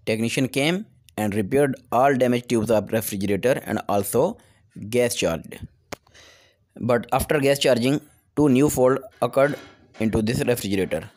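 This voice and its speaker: A man's voice: mid-range voice, normal speed, a little mellow. Pakistani-accented man giving repair instructions. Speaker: technical tutorial host.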